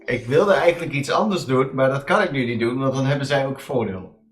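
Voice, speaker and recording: A man's voice: medium pitch, fast talker, faint music behind. A man chatting casually as a player at a tabletop game, in a roomy space.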